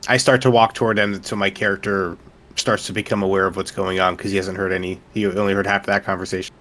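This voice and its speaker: Lowish-voiced man playing a tabletop game. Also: little pitch movement, quick pace, fairly bright tone. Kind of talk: casual game chat.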